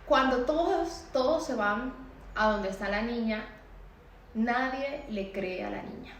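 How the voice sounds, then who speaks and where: A woman's voice: fairly high pitch, measured pace. Woman, personal testimony, emotional and pleading, with faint hiss behind her. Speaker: survivor telling her story. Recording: echoey room.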